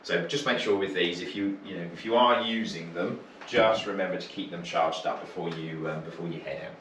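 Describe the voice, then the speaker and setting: A low, slightly bright male voice, a little fast, belongs to a British marine radio course instructor. He teaches informally, stepping through the material and checking in with short questions. The room is an indoor training space, recorded distantly with a roomy sound and faint noise.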